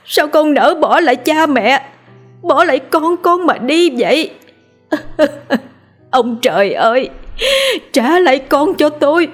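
A woman's voice: high voice, animated, slow, pauses often, faint music behind, voice pushed up. A woman voicing a grieving older mother who wails over her dead daughter. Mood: wailing grief. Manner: wailing, sobbing cries.

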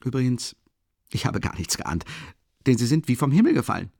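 Babbling drunk young man in an audiobook, as a male narrator does him, gushing and excitable, his voice leaping high and swooping low with a gravelly rasp. The words tumble out effusively, close and dry. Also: brisk, dry recording, exaggerated voice. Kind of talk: audiobook character voice.

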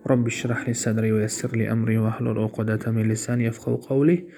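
A man's voice: on the low side, steady tone, vocal fry, warm tone, a little hiss or hum. A man with a Tajik accent teaching Arabic grammar in a recorded lesson, reading each example and then translating it, and posing questions he answers himself. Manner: explains slowly, asks himself questions and answers them.

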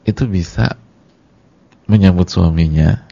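Male preacher, very low gravelly voice, dull lo-fi lecture recording; acts out weeping dialogue. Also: slow, warm tone. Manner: addresses the women in the audience directly. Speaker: Islamic preacher. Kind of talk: sermon-style religious lecture.

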